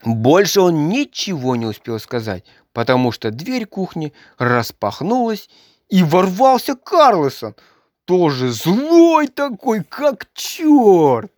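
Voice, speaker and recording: A woman reading a children's story aloud, narrating in an expressive, measured way. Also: lowish voice, no room sound, clean studio sound.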